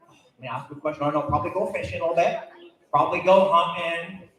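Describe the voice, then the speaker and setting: A man's voice: on the high side, steady tone, fast, a bit bright, close to an everyday voice. A man playing a folksy old hunter with a thick, mumbled Vermont accent, rambling through a live comedy sketch. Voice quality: thickly mumbled, hard to understand. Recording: very echoey live hall.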